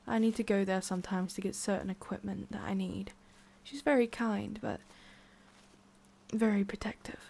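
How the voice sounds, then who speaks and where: Speaking straight to the listener, a woman performs an ASMR roleplay as an ancient forest witch, her typical female pitch heavy with fry and her intonation fairly even. Haughty and prickly on the surface yet gentler inside, she muses haltingly, fond and thoughtful.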